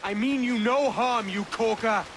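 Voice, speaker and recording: An actor playing an exasperated pirate in a video game, calling out insistently to a mad shipmate. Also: male voice, very high-pitched, measured pace, background noise. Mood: exasperated, pleading. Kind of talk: dramatic video game acting.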